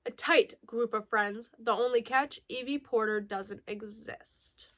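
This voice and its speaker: Here the book vlogger sounds a little high and fairly bright, keeping a steady tone and an unhurried pace. She giggles and self-corrects while reading blurbs aloud in a relaxed book haul, her voice slightly nasal from a lingering mild cold.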